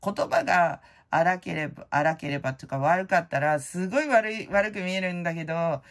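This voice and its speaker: A middle-aged woman hosting her own channel, chatting casually in a blunt, slangy way full of fillers, and loud-voiced by her own account. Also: lowish voice, fairly quick. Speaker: prize-winning vlogger host. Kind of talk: casual chat.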